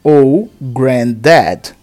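Slow, drilling Brazilian teacher, man. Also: medium pitch, darkish tone. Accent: Brazilian Portuguese. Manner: slow, deliberate drilling of words and phrases. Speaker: English teacher. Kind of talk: language lesson with repeat-after-me drills.

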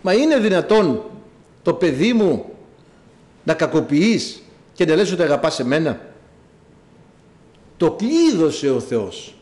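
A man preaching a sermon, telling stories and addressing the congregation directly in an animated way. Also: on the high side, long pauses. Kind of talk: sermon with storytelling.

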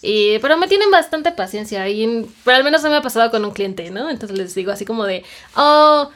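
A woman's voice: on the high side, expressive, fast talker. A Mexican woman chatting casually and acting out past conversations in a Mexican accent. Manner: chatty, acts out quoted exchanges. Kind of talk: casual chat.

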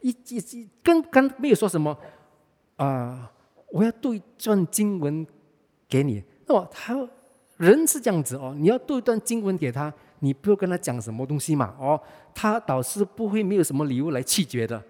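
A man's voice: a little high, sing-song, normal speed, darkish tone. A man with a Malaysian Mandarin accent preaching a sermon, telling a story in a conversational way and often repeating and restarting his words. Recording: reverberant hall.

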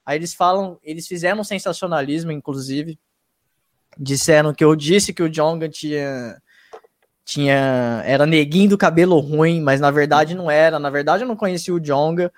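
Slangy, emphatic man, slightly high voice. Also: no room sound. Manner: slangy, fast-talking, swears freely; emphatic, often asks "tá ligado?". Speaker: guest, YouTube reaction channel host. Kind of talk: casual interview storytelling.

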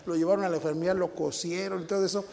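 With a very fast delivery in a Mexican Spanish accent, a high-pitched, gravelly preacher tells his congregation a personal anecdote, acting out sounds and building to shouted climaxes. His voice rings with the long reverb of a large hall.

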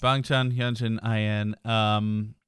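A man's voice: lowish voice, level tone, takes it slowly, a bit bright, clean tone, no room sound, studio quality. A man co-hosting a podcast, chatting in a casual, laid-back way with filler words and frequent laughs. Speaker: podcast co-host. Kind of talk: casual chat.

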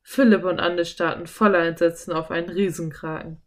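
A woman narrating a children's audiobook in an even, measured reading voice. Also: fairly low pitch.

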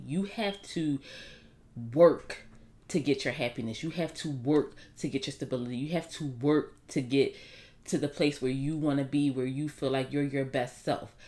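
A woman in her thirties talking casually and bluntly to her viewers, slangy and opinionated. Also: deep voice. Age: 30s. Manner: blunt, opinionated, slangy, animated when making a point. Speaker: vlogger. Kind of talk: casual monologue to camera.

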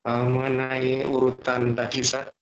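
A man asking a question on an online religious class, his call audio breaking up and cutting out, speaking haltingly with many fillers. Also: medium pitch, monotone. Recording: dull, choppy online call line with faint music.

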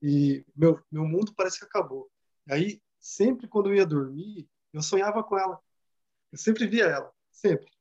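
Speaking at normal speed in a high, slightly mellow voice, a man from a study group earnestly shares a personal story over dull lo-fi audio. The conversation is casual, and he leans heavily on fillers and repetition.

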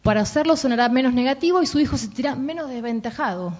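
A woman's voice: high-pitched, expressive, quick pace, a little mellow. A woman with a Rioplatense accent, giving an informal parenting talk and checking in with listeners often. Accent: Rioplatense Spanish. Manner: chatty, asks "¿no?" and "¿sí?" often. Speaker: parenting workshop speaker. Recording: dull lo-fi recording.

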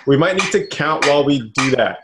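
A man's voice: a little high, lively intonation, a little fast, noisy background. A man teaching a one-on-one instrument lesson, casual and patient, calling out counts and notes with easy encouragement. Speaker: music teacher. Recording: instrument playing behind the voice.

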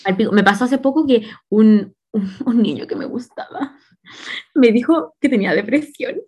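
A woman's voice: a little high, animated, moderate pace, a little mellow, slightly rough. Slangy Chilean woman telling stories. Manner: slangy, laughing, storytelling. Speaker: podcast co-host. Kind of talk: casual chat.

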